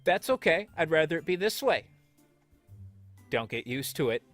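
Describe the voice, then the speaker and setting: A man's voice: a little high, sing-song, moderate pace, a bit bright, soft background music. A man hosting a let's play, reading the game's text aloud and joking along with it in a playful, sarcastic way. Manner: playful and sarcastic, jumps into mock voices.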